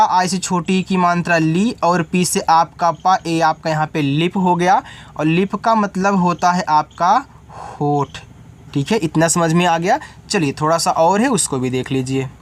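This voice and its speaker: Guy with a high voice teaching english spelling, says the letters out slow then explains, keeps asking if you got it. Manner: keeps checking in with the learner. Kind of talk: spelling lesson for beginners.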